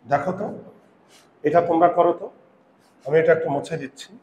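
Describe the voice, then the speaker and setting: A man teaching a grammar lesson to a class. He repeats rules, slowly draws out example words and keeps checking that students follow. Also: fairly high pitch, darkish tone, echoey room, lo-fi sound, a little hiss or hum. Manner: repeats rules, quizzes students with "বোঝা গেল?"; patient, drawn-out pronunciation of example words.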